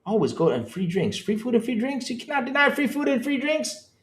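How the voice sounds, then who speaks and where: A man from the Dominican Republic hosting a casual gaming podcast stream, animated and laughing, moving from loud outbursts to mumbled asides. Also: very high-pitched, a little fast, roomy sound. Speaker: podcast host. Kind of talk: casual livestream chat.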